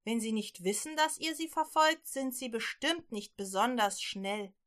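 A woman voicing a bold, quick-witted woman innkeeper in a children's Bible story, brisk and lively. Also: a little high. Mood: urgent.

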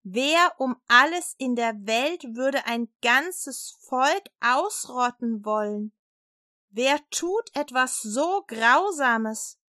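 A woman's voice: fairly high pitch, fairly even intonation, unhurried, a bit bright, no echo, clean studio sound. A woman voicing a powerful king in a storybook, speaking in grand, emphatic questions. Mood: outraged. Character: mighty male king, generous, then outraged.

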